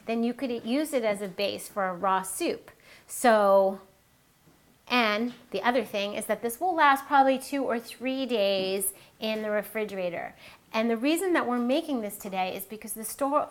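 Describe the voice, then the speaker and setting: A woman's voice: fairly high pitch, fairly bright tone. A woman hosting a cooking demonstration, chatting and explaining each step as she works. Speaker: cooking show host. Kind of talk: casual recipe demonstration.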